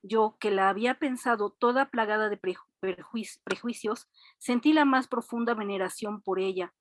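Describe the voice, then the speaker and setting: A woman student, reading a story aloud in an online class, lively and expressive. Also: mid-range voice, moderate pace, no echo.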